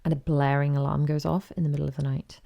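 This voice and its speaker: Brief: woman podcast host, chatty storyteller, low and gravelly, mellow tone. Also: fast, lo-fi sound. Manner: chatty, animated retelling with quoted voices. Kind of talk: casual chat.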